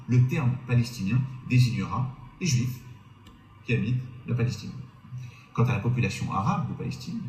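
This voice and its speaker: A man's voice: medium pitch, a little mellow, echoey room, poor audio. A man narrating a history lesson to his viewers, asking rhetorical questions and hesitating often as he explains. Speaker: history video presenter.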